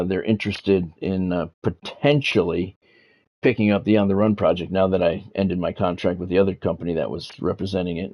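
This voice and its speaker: Through a muffled, low-fidelity microphone comes a low, creaky, dark-toned male voice. The speaker is an American game streamer who chats and does sports commentary with an informal, wry, self-deprecating humor.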